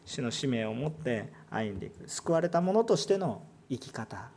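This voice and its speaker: A male pastor with a Kansai accent preaching a sermon, swinging between loud emphatic lines and hushed ones and putting rhetorical questions to the congregation. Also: mid-range voice, big pitch swings, moderate pace, creaky. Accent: Kansai Japanese.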